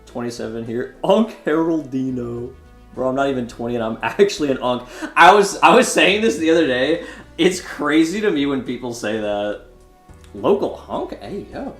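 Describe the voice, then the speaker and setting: A man in his twenties plays cards live on stream, keeping his commentary casual and full of jokes for viewers. He speaks at normal speed in an expressive, medium-pitched voice, with a roomy echo and light music behind him.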